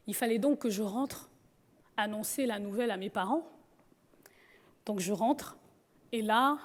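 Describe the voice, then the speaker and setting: A woman's voice: on the high side, a little mellow. A woman from Gabon, telling her life story with humor. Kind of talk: personal storytelling talk.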